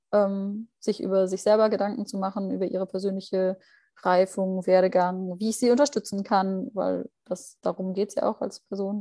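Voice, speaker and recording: A woman's voice: mid-range voice, mellow, no room sound, clean studio sound. A young woman, a junior doctor being interviewed, answering thoughtfully with many fillers and restarts. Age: young adult. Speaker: guest, junior anesthesia doctor.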